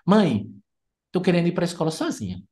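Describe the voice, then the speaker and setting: A speaker voicing an excited eight-year-old boy who is sure he can manage on his own. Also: mid-range voice, fairly quick, lightly acted. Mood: eager. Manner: excited, confident. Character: eager little boy of eight.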